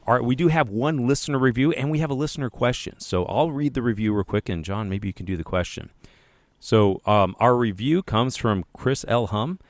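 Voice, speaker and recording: A man's voice: medium pitch, brisk, no echo. A man co-hosting a language-learning podcast, chatting casually and enthusiastically with lots of fillers. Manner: enthusiastic, upbeat, with frequent fillers. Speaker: podcast co-host. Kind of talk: casual chat.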